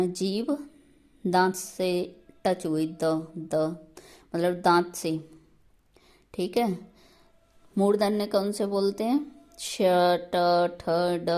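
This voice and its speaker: A woman's voice: medium pitch, warm tone. A woman teaching an exam prep grammar lesson, explaining patiently step by step and checking in often.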